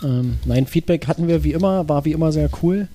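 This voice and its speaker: Male podcast co-host, warm dark tone, relaxed and filler-heavy. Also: a little high, a little fast, faint music behind. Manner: chuckling, filler-heavy talk. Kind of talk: casual podcast chat.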